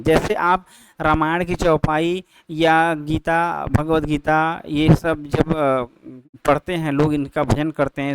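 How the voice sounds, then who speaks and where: A man teaching Sanskrit pronunciation in a slow, patient way, often checking with his students as he explains. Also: fairly high pitch, smooth, no echo. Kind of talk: explaining, then singing sutras to a film tune.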